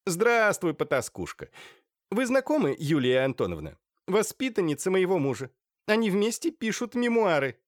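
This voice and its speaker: A man voicing a shrill, hysterical middle-aged woman who hurls venomous insults. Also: wildly swooping pitch, moderate pace, no room sound, studio quality. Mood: furious, spiteful. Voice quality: shrill, screeching. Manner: venomous insults, theatrical outbursts.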